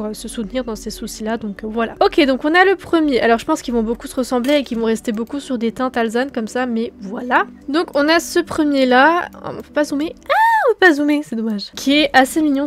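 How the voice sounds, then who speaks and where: Calm chatty young Frenchwoman gaming. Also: on the high side. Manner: calm, relaxed, chatty with many fillers. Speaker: gaming youtuber. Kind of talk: casual gameplay commentary.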